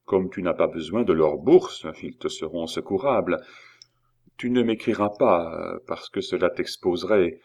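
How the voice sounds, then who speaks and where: A man's voice: sits low, a little mellow. A man reading aloud, voicing an earnest, devoted young engraver who reassures his wife.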